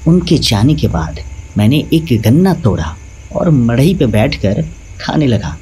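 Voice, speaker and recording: A man narrating a scripted horror story in a dramatic, animated storytelling manner. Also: medium pitch, a little slow, slightly rough. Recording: faint background music.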